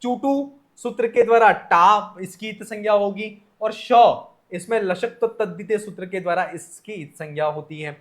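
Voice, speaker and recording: A man's voice: sits high, normal speed, few pauses, fairly bright tone. A man teaching a Sanskrit grammar lesson, reading out each exam question and then explaining the answer step by step. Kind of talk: exam test solution lecture.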